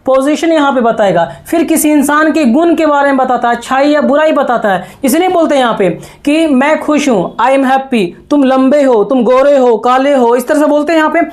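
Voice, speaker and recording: High-voiced woman teaching grammar. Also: darkish tone. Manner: slow, repetitive, checks understanding often. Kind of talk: classroom lesson explaining grammar.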